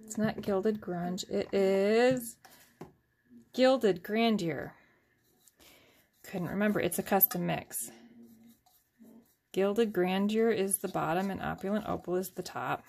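A woman in her thirties runs a casual craft tutorial at home, walking through it step by step. Her mid-range voice is slightly mellow with vocal fry and a measured pace, and there's a little hiss or hum. She's chatty and rambling, often joking at her own expense.

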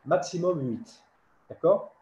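A man with a fairly high but mellow voice explains classroom exercises to fellow teachers in a patient, step-by-step manner, often pausing to check that he is understood. The sound is roomy and a little dull, with faint noise underneath. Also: expressive. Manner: explanatory, many "d'accord?" checks. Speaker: French teacher trainer. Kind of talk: online workshop lecture. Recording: echoey dull webinar audio.

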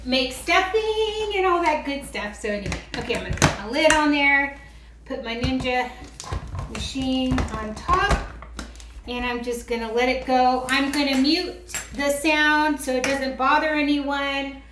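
Woman, high voice, chatty and rambling, self-teasing, roomy echo with faint clicks. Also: unhurried, noisy background. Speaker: craft vlogger. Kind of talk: casual how-to chat.

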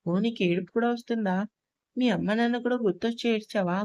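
Woman doing a bossy young guy in an audio story, scolds and threatens, dark mellow voice. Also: on the high side, fairly quick, no room sound, close to an everyday voice. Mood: threatening. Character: harsh, domineering young male boss.

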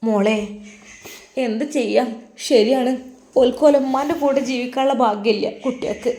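A woman's voice: a little high, moderate pace, mellow, lightly acted. A devout older woman played by a woman storyteller speaks a resigned, prayerful plea. She has a lilt, and a roomy echo surrounds her voice. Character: older woman, pious, sighing over fate.

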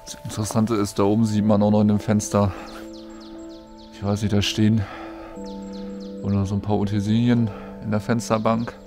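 A man's voice: on the low side, monotone, moderate pace, pauses often, music in the background. A man giving an informal, colloquial walk-through commentary as a vlogger out and about. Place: mostly outdoors, walking through an abandoned housing estate.

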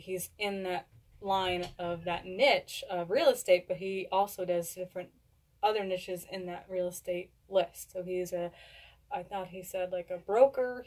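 A young adult woman chatting casually to camera in a rambling, stumbling way, talking with a lip full of dip. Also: medium pitch. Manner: rambling, stumbles over words. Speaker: video blogger doing a product review. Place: indoors, small home room. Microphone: camera at a short distance.

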